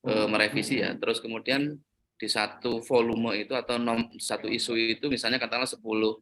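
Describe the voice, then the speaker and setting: A man with a bright, forceful voice moderates an online Q&A. His video call audio keeps glitching and breaking up, and he talks hesitantly, searching for his words. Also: mid-range voice, steady tone, brisk. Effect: choppy, breaking-up video call audio. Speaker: webinar moderator. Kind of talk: online meeting Q&A.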